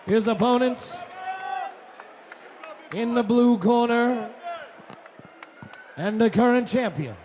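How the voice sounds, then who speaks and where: A man announces fighters in classic boxing ring style, his voice pushed very high and loud. He stretches his words slowly like a booming showman, with a crowd around him at a live event. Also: background noise. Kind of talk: boxing ring announcer introductions, shouted and drawn out. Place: cage fight venue with a crowd.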